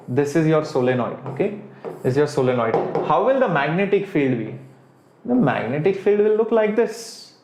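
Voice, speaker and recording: A man's voice: on the high side, a little mellow. A man with an Indian accent teaching a live online physics lesson informally, working step by step and asking rhetorical questions. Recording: echoey room sound.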